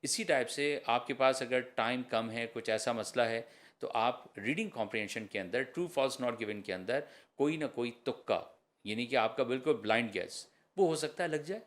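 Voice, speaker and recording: Man, IELTS trainer, explanatory, mid pitch, switches between Urdu and English terms. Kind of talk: podcast interview answers.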